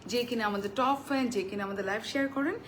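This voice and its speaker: A chatty woman in her thirties runs a live stream clothing sale, thanking viewers one by one and slipping English phrases into her talk. Her voice sits a little high, and she talks softly after dental surgery. A faint hiss of noise hangs behind her. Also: fast talker. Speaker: online clothing seller hosting a live sale. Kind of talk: live-stream sales chat.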